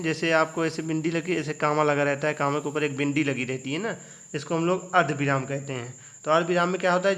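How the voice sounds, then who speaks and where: A young man teaches an exam revision session in a fairly high, slightly bright voice. Putting questions to his students, he answers each one himself as a rhetorical check.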